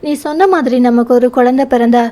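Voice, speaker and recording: A woman reading the part of an emotional young wife in an audio novel, quick to anger and to tears. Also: high-pitched, warm tone, natural voice. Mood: tearful. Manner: pleading, sobbing tone. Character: young wife, quick-tempered, tearful and loving.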